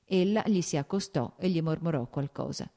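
A woman narrating a classic novel in steady, measured scripted narration. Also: deep voice. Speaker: audiobook narrator.

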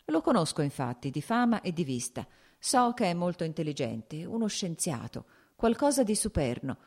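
A woman reading the lines of a young aristocratic officer in an audiobook, relaxed and lightly amused. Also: fairly low pitch, moderate pace.

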